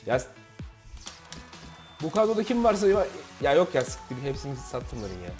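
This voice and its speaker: A man commentating his own football video game, frustrated, shouting and swearing at his players. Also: on the high side, very animated, fast talker, faint music behind. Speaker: gaming YouTuber.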